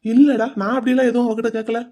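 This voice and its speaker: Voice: medium pitch, flat delivery, racing, warm tone, close to an everyday voice. A voice actor playing a curt, protective young husband in a cartoon story, speaking firmly. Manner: firm, curt.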